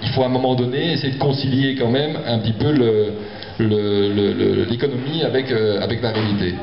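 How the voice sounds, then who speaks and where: A man with a mid-range, slightly fast voice and some vocal fry speaks as a property developer presenting a project at a public meeting. He argues spontaneously, explaining himself with many stammered repetitions. The hall sounds echoey and muffled, with audience noise in the background.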